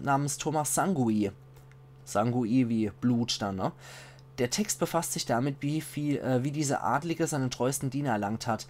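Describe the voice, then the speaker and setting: A man's voice: medium pitch, a little hiss or hum. Palatinate German man reading game texts. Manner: measured reading voice, slows for foreign titles. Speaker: let's play commentator. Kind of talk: reading game texts aloud with casual asides.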